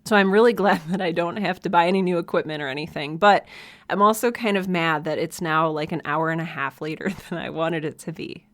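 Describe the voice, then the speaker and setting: Woman podcast host, low voice, chatty, self-deprecating, laughs a lot, home office desk mic. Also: fairly even intonation, a little fast. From American Midwest. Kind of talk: casual solo podcast monologue. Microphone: desk mic with headphones.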